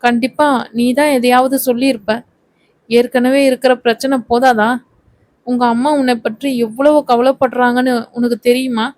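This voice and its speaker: A woman voicing a sharp-tongued young woman who scolds her reckless friend. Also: on the high side, flat delivery, slow pace, long pauses, no echo. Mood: scolding. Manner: scolding, sarcastic.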